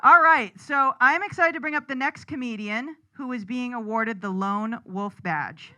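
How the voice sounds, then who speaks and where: A host at a live comedy show introduces the next act with a loose, rambling camp-counselor bit. The voice is bright and clean. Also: mid-range voice, moderate pace.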